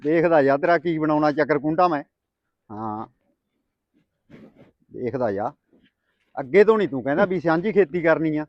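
Guy doing a cocky farmer in a village comedy, high voice, loud dramatic teasing, dry close sound. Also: animated, normal speed, pauses often, no room sound, lo-fi sound, natural voice. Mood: scheming. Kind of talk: Punjabi rural comedy skit acting.

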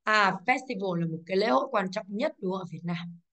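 A woman's voice: medium pitch, expressive, a little fast, fairly bright tone. A female English teacher going over exercises, explaining each answer and checking with the class, with English words in a Vietnamese accent. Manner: explains step by step, checks with "đúng không ạ".

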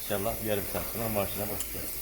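Low flat-voiced mechanic over loud workshop hiss. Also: male voice, rapid-fire, roomy sound. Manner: plain, matter-of-fact. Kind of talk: brief casual reply on the job. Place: car repair workshop.

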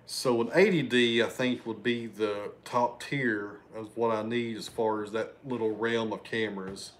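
Speaking a little slowly in a lowish voice with fairly even intonation, a man chats with viewers on a casual livestream from his living room indoors. He reads super chats, thanks people by name, and sometimes loses his train of thought.

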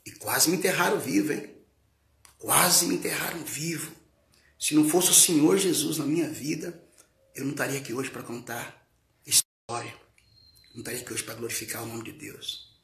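A man's voice: medium pitch, moderate pace, gravelly, echoey room, a little hiss or hum. A Brazilian man preaching a fervent testimony sermon, his voice rising when he retells what people said. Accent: Brazilian Portuguese. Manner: fervent, rising to shouts in retold dialogue.

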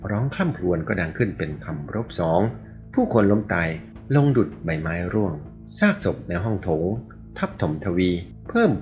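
Deep-voiced man reading a martial arts novel. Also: big pitch swings, normal speed, darkish tone. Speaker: narrator. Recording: dull lo-fi audio with faint music.

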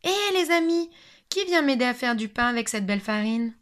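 A woman's voice: fairly high pitch, animated, a little fast, pitched above the performer's own voice. A woman voicing a cheerful, hardworking little red hen who calls out to her friends in a storybook reading. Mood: cheerful calling. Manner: bright, calling out to friends.

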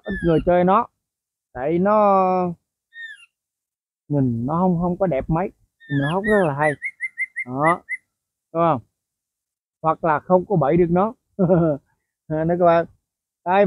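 A man's voice: sits high, background noise. Chatty man, tinny sound. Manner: chatty, addresses viewers often, many fillers. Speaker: bird-keeping video host. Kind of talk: casual explanatory vlog narration. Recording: tinny phone-like dry sound.

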